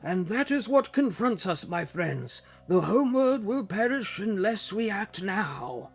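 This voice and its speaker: A man's voice: high-pitched, sing-song, measured pace, breathy edge, faint music behind, full character voice. A man voicing a grave, wise old robot elder in a comic book reading, in the manner of an old sage. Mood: grave warning.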